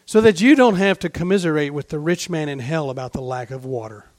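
A man preaching a sermon with fervour, posing rhetorical questions and moving between hushed and raised delivery. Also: a little high, fairly quick, dry recording.

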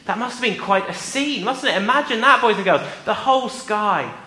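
Bright, high-pitched man preaching to children. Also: animated, a little fast, slightly rough. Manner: encouraging, addresses children directly with questions. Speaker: preacher leading a children's talk in church. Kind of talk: interactive children's sermon.

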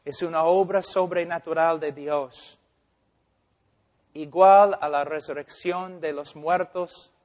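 A man preaching a sermon as pastor, speaking with slow, deliberate emphasis and acting out the words of the people in his examples. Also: a little high, fairly even intonation, a little mellow. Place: church hall. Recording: long reverb of a large hall.

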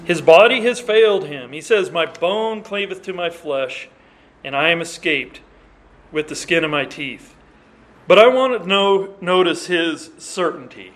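Expressive and a little slow, a man with a high, slightly bright voice gives a sermon. He reads scripture in antiquated wording with earnest emphasis, often going back to restart phrases and repeat words as he explains.

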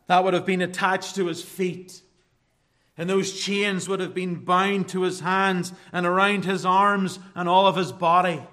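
An Irish man preaches from the front of a church in an earnest, measured way. His voice sits fairly high and rings bright and forceful. He stretches out key words for emphasis and leans on rhetorical questions. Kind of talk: sermon.

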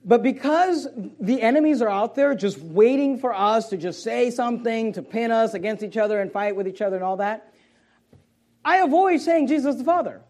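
A man preaching a sermon as pastor, emphatic and at times sarcastic, with quick swings in volume. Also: extremely high pitch, animated, darkish tone.

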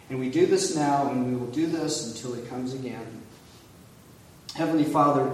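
A man's voice: mid-range voice, a little mellow. Male pastor, liturgical reading, cathedral echo with long reverb, distant mic, faint hiss. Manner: measured, solemn prayer recitation. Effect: heavy cathedral-like echo. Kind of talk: leading a communion liturgy. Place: large church sanctuary. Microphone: far from the mic. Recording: echoey hall from far off, faint hiss.

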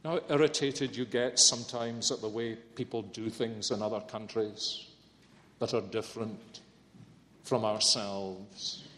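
A man's voice: fairly low pitch, fairly even intonation, measured pace, a bit bright. A man preaching a sermon earnestly and emphatically, often asking rhetorical questions. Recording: long reverb in a hall.

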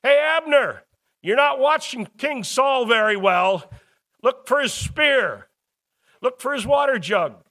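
A man's voice: mid-range voice, lively intonation, a little slow, a bit bright. A man voicing the biblical David, a young, earnest and loyal man, in quoted lines of a Bible lesson. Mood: hollering. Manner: plain retelling with quoted speech.

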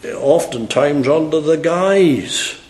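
A man's voice: a little high, slow, a little mellow, echoey room, rough recording. A man preaching a sermon, emphatic and fiery, whose voice rises in sudden outbursts.

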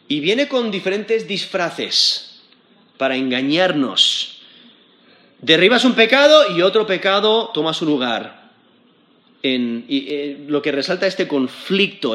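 A man delivers an earnest sermon, often repeating words and restarting phrases. His voice sits a little high for a man, and the room gives it a noticeable echo. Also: fairly bright tone. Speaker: preacher.

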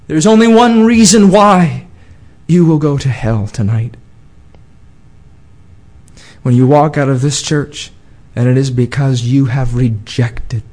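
Impassioned shouting preacher, slow delivery. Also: male voice, medium pitch. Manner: impassioned pleading, swings from shouting to hushed. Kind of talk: sermon. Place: church.

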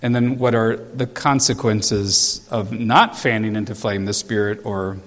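A man's voice: on the low side, fairly even intonation, measured pace. Emphatic male pastor in reverberant church. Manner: emphatic preaching, repeats phrases for stress. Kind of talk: sermon.

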